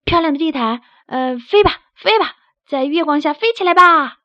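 A woman's voice: high-pitched, lively intonation, normal speed, pushed and bright, no room sound, voice pushed up. A woman voicing a chubby, greedy field mouse who boasts and makes threats. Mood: boastful. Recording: dry, slightly dull recording.

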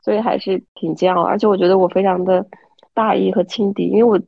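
A woman lying in bed at home, hoarse and stuffy from illness, giving a wry, self-mocking account over an online call. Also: medium pitch, fairly even intonation, fast, no echo, dull audio. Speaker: podcast team member. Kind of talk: casual chat. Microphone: online call app from home.

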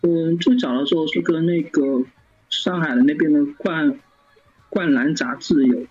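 A man's voice: fairly high pitch, darkish tone, husky. A man who is a guest on an interview podcast, talking casually with frequent stammered restarts. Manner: halting, many stammered restarts. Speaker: guest, fan site founder. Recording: dull lo-fi sound.

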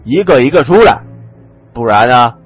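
A man's voice: mid-range voice, lively intonation, moderate pace, breathy edge, dry recording, faint music behind. A man doing a barking, bullying interpreter. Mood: threatening. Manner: loud, barking threats. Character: loud bullying male collaborator interpreter.

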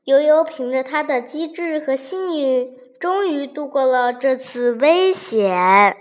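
A woman narrating a children's folk tale in a notably high voice. She reads slowly and gently, taking her time over each line. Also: expressive. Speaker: storyteller.

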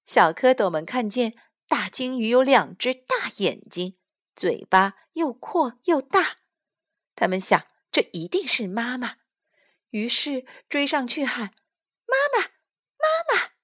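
A woman reading a children's story aloud to her child, expressive and unhurried. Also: fairly high pitch, slightly rough, no room sound, studio quality. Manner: expressive, slow storybook telling. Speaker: storyteller mother.

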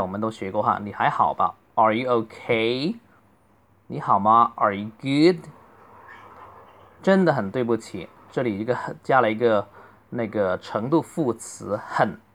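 A middle-aged man, a native Chinese speaker, teaching a beginner English lesson and slowly drawing out each model phrase. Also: medium pitch, a bit bright. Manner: slow, drawn-out model phrases between quicker explanations.

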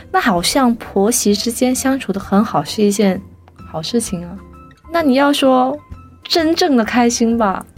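Appearing as a podcast guest, a young woman tells a personal story in a lively, animated way, briefly voicing the people she quotes. Her voice is mid-range.

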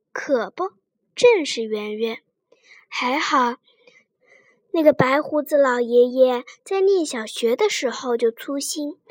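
A woman reading a children's story aloud in a gentle, expressive storytelling manner. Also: high voice, no echo.

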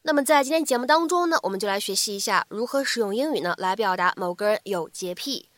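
A woman English teacher giving a spoken English lesson, lively, explaining in short chunks and repeating phrases slowly. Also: medium pitch, no echo.

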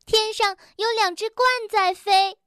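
A woman voicing an excitable young rabbit in a children's storybook, in a squealing, eager way. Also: very high-pitched, a little slow, no echo, studio quality, voice pushed up, exaggerated voice. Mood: excited.

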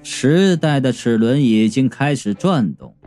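A man voicing a mysterious stranger who speaks slowly and gravely. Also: lively intonation, warm tone, faint music behind, natural voice. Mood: ominous. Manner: slow, grave, deep delivery.

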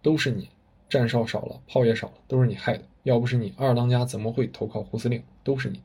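A man's voice: mid-range voice, steady tone, fast, breathy edge. A man doing a raging one-eyed bandit chief. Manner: ranting, hysterical shouts fading to weak gasps.

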